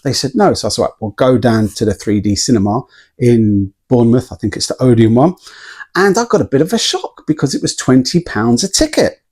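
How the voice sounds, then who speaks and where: Husky-voiced guy rambling through a casual vlog, lots of ums and laughs. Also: mid-range voice, expressive, brisk, darkish tone. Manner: chatty storytelling with frequent laughs and ums. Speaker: vlogger.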